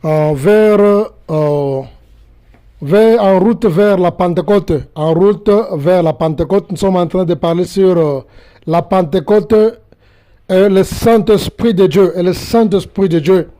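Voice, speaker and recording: Hesitant high-voiced male preacher, mellow tone. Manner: hesitant, many pauses and repetitions; explains slowly, repeating key phrases. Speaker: Bible teacher. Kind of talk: sermon teaching.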